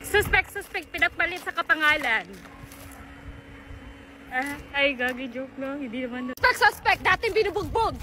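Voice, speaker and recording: A woman's voice: high-pitched, expressive, moderate pace, background noise. A young woman from the Philippines, a vlogger teasing a friend in a playful, giggly casual chat.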